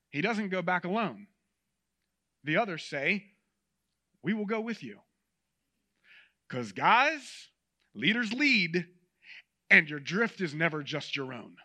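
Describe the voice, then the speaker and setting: A man preaching a sermon in a conversational, animated way, addressing the audience directly. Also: on the high side, slow, pauses often.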